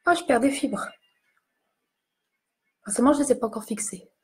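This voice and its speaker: Young woman rambling through a lipstick tutorial, bit high voice, jokes at herself. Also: moderate pace. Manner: chatty, self-mocking, talks while applying lipstick. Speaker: beauty vlogger. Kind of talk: casual makeup tutorial chat.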